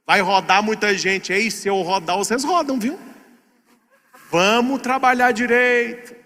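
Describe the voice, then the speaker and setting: Guy doing a mean factory boss barking at workers, bright voice, echoey. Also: sits high, a little slow. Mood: scolding. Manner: barking, scolding. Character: harsh cruel factory boss. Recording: echoey hall.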